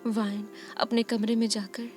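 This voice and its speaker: A woman narrating a fan fiction story in a soft, hushed voice. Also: on the high side, little pitch movement, moderate pace, faint music behind.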